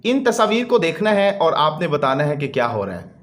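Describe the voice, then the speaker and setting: A man teaching a children's English lesson online, explaining in Urdu and reading English sentences out slowly. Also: fairly high pitch, very animated.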